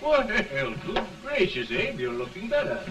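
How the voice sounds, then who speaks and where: Kindly animated doctor, early talkie. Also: male voice, high voice, a little slow, exaggerated voice. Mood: concerned, soothing. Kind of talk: early talkie film acting. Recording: noisy 1930 film soundtrack, distant mic.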